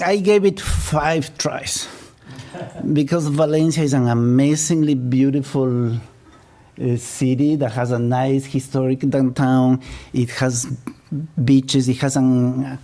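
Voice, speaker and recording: Giving a public lecture, this Ecuadorian business professor, middle-aged with Spanish as his first language and an Ecuadorian Spanish accent, pokes fun at himself and laughs at his own jokes. He speaks in a mid-range voice with a dark tone.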